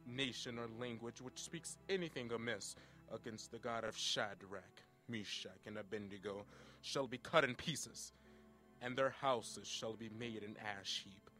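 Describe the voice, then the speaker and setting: A man's voice: lowish voice, measured pace, sharp tone, soft background music, pitched above the performer's own voice. A man playing a proud, hot-tempered king in a dramatic scripture audio reading, declaiming imperiously and stretching words for emphasis. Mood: solemn decree. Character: proud, furious, booming king of Babylon, given to decrees.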